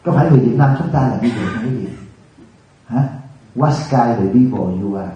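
Vietnamese monk preaching in an echoey hall. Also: male voice, mid-range voice, brisk. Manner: colloquial, animated, rhetorical questions. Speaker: Buddhist monk teacher. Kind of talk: sermon. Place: retreat hall. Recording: distant, echoey, dull room recording.

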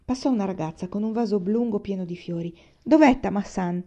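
A woman reads a novel aloud in a steady, measured audiobook delivery. Her voice is warm and mellow, and the lo-fi recording sounds a bit dull. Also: mid-range voice. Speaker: reader. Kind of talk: audiobook narration. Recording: slightly muffled lo-fi recording.

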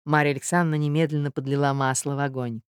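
A woman narrating a classic novel as an audiobook in a measured, even reading. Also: low voice, clear, resonant tone, dry recording, clean studio sound. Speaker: audiobook reader.

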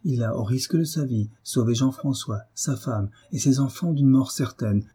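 A man voicing a gentle, patient young wife who speaks softly and pleadingly, in his own reading voice. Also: mid-range voice, normal speed, slightly rough. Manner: soft, pleading.

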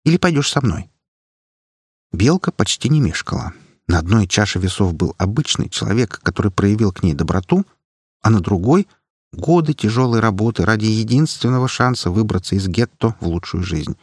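A man reads the story aloud at a steady storytelling pace. His voice is low and husky. The recording is dry and close. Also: fairly quick, no room sound. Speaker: audiobook narrator. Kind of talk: scripted narration.

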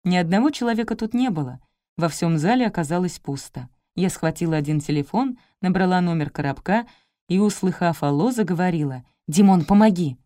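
A woman narrating a comic detective audiobook in the first person, lively and expressive, on a close studio mic. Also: fairly low pitch, a little fast, no room sound.

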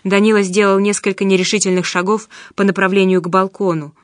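A woman reading an audiobook in steady, measured scripted narration. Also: mid-range voice, no room sound, clean studio sound.

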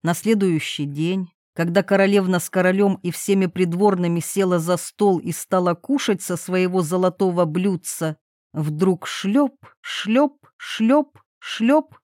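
A woman narrating a fairy tale in a slow, measured storytelling manner. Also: lowish voice, steady tone, a little mellow, no echo, studio quality.

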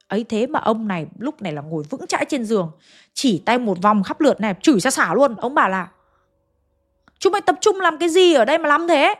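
Chatty woman telling ghost stories. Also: medium pitch. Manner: chatty, addresses listeners directly. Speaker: storyteller. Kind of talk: oral ghost story narration.

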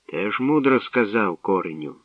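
A man voicing a wise old bard who speaks in measured, sage-like sayings, in a tinny, distant radio recording. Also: on the low side, lively intonation, dry recording. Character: wise old male bard, calm and sly.

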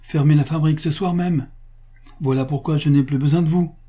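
A proud factory owner on the edge of ruin speaks with solemn restraint, as a man reading a storybook voices him. His tone is mellow and slightly husky, the feeling kept under control. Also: fairly high pitch, steady tone, brisk, voice pushed up, close to an everyday voice. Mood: grave.

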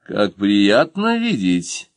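A man's voice: medium pitch, huge pitch swings, a little slow, no room sound. A man voicing a middle-aged patron of the arts who speaks in a dry, ironic way, in an audiobook.

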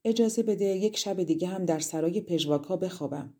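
A woman voicing a gentle, sorrowful young queen in a fairy-tale audiobook, speaking softly and pleading. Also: lowish voice. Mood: worried. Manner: soft, pleading.

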